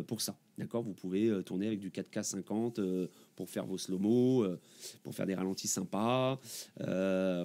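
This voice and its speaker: A man gives a relaxed, chatty camera review from his home music studio. His voice is mellow and warm, and his talk is loose, full of fillers and small restarts. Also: mid-range voice.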